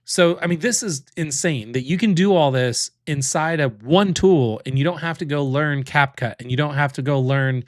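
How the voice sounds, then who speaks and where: Chatty man demoing software live, dry close sound. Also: on the high side, moderate pace, few pauses, no echo. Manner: chatty, thinks aloud, many fillers. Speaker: livestream host demoing software. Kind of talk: casual livestream walkthrough.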